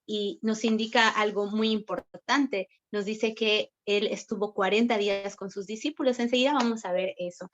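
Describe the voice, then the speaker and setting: A woman teaching a Bible class online, talkative and friendly, asking the students questions. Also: a little high. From not from Chile, works near Temuco. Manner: chatty, friendly, asks questions. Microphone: video call. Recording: dull lo-fi video call audio.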